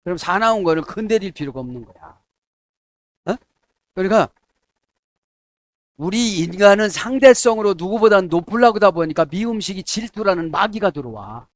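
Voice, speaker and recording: A middle-aged man preaching a sermon as a pastor, checking in with his listeners and acting out quoted prayers in a softer, lower voice. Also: expressive, moderate pace, pauses often, no echo, clean studio sound. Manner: asks the congregation "에?" to check agreement.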